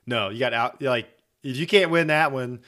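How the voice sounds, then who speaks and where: A man's voice: mid-range voice, normal speed, sharp tone. Emphatic laughing sports co-host, man. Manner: blunt, emphatic, laughs a lot, repeats himself. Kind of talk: casual sports talk.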